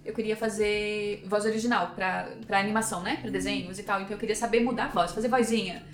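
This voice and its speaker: A Brazilian woman co-hosting a podcast, telling her story in a lively, chatty way full of fillers. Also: medium pitch, fast talker. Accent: Brazilian Portuguese. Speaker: podcast co-host. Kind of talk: podcast conversation. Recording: roomy echo, faint music behind.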